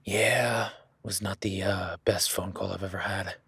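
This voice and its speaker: With a full character voice, a man plays a rugged cowboy ranch hand leading a newcomer in an audio roleplay, plain-spoken, folksy, easygoing, and given to casual swearing. The voice is deep and gravelly, fairly bright and slightly rough, unhurried with fairly even intonation, and carries no echo.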